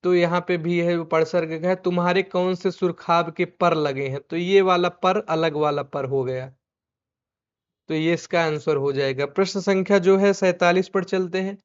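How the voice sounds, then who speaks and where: A male Hindi teacher speaks in a high, smooth voice with a steady tone and moderate pace. He runs through an exam answer key by putting questions to himself and drilling the answers through repetition. The audio is dull and lo-fi.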